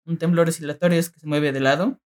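A young woman with a Mexican accent telling her friends a story in a casual chat, animated and full of slang. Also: low voice, fast. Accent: Mexican Spanish. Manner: animated slangy storytelling, peppered with filler words.

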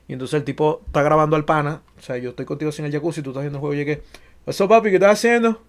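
A young man with a Venezuelan Spanish accent talks very fast in a casual podcast chat. His voice sits a little high for a man, and he is jokey and animated, slipping into other people's voices when he tells a story. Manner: animated, jokey, acts out quotes. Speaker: podcast co-host.

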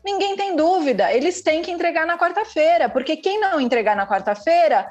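A woman's voice: very high voice, very animated, brisk, a little mellow, lo-fi sound, faint music behind. A woman giving emphatic advice in a podcast conversation, her voice rising sharply on key points. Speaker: communication speaker.

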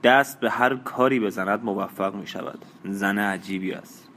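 A man reading the part of a worldly middle-aged gentleman who speaks in a knowing, matter-of-fact way. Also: lowish voice, a little hiss or hum.

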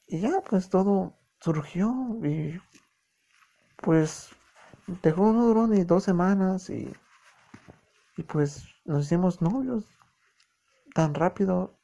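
Gravelly young man with a Mexico City accent. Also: high-pitched, slow pace, long pauses, mellow. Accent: Mexico City Spanish. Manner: chatty, joking, full of slang fillers. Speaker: podcast host. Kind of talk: casual storytelling monologue.

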